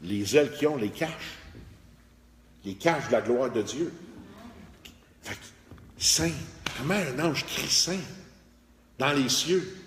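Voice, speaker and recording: A man preaching a lively Bible study with a Québécois French accent, breaking into shouted praise words. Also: mid-range voice, slow pace, long pauses. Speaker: pastor. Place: church. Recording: echoey church hall, faint noise.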